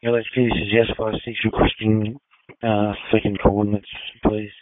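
A man's voice: on the low side, little pitch movement, moderate pace, dry recording. A man calling in from the field over a two-way radio, reading numbers back in a matter-of-fact way. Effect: two-way radio transmission. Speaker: field unit radio operator. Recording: narrow-band walkie-talkie audio, dry.

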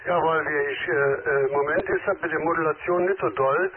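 This casual radio contact chat features a man whose brisk, steady, higher-pitched voice comes through with a little hiss or hum. He's polite and hesitant, leaning on many filler sounds, and a crowd can be heard behind the tinny transmission.

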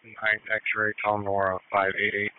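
A police officer calling in over the radio in clipped codes and numbers. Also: male voice, on the low side, monotone, a little slow, clear, resonant tone, dry recording. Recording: tinny dry radio transmission.

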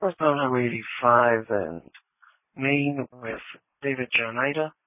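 A man's voice: mid-range voice, a little slow. A man on a dispatch radio channel giving clipped replies and reading out numbers and addresses. His transmission is buzzy and glitchy and keeps cutting out. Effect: buzzy, glitchy two-way radio transmission that cuts out. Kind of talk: terse radio dispatch exchange. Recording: tinny, dry radio channel.

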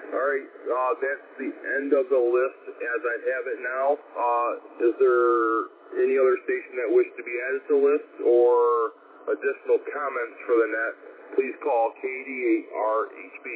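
A man running a ham radio net and taking check-ins, heard over a two-way radio, talking haltingly with many fillers. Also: medium pitch, little pitch movement. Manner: halting, many fillers, friendly sign-offs. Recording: tinny radio transmission with faint hiss.

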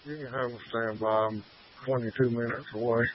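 A man's voice comes over a two-way fire radio in a flat, matter-of-fact monotone. The transmission sounds dull and muffled, with faint hiss and clicks behind it. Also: medium pitch, normal speed. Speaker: firefighter on a radio call. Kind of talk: radio field report.

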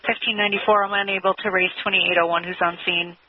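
A woman's voice: mid-range voice, little pitch movement, fast. A woman dispatcher confirming units and relaying status over a police radio channel. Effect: police radio transmission. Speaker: emergency dispatcher. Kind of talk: rapid radio dispatch traffic. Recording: tinny scanner radio, static noise.

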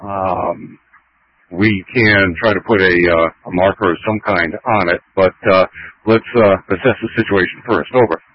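A man working as a harbor master, talking over a marine radio transmission in halting radio procedure with fillers, signing off with "over". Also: sits low, fairly even intonation, dry recording. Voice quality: halting, careful phrasing ending in "over". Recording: muffled dry radio audio.

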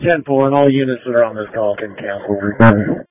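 Brisk man on a police radio. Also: fairly low pitch. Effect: police radio transmission. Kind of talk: terse radio codes. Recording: tinny, dry radio channel.

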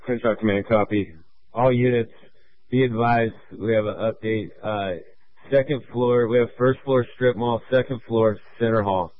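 In a steady, medium-pitched voice, a man portraying a fire incident commander gives clipped radio orders full of fillers and halting pauses. The fire dispatch exchange comes through a tinny two-way radio channel and is recorded dry.

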